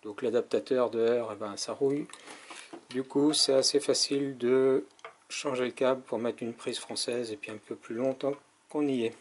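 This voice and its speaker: A tech reviewer talks viewers through a product in a casual, practical demonstration. His voice sits at an ordinary middle pitch. He explains plainly and hesitates often between points. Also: fairly even intonation, normal speed, a little hiss or hum.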